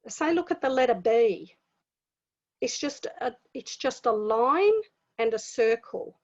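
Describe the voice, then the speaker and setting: A woman's voice: a little high, lively intonation, slow pace, darkish tone. A woman giving a spiritual teaching talk in a conversational way, repeating phrases for emphasis. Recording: dull lo-fi sound.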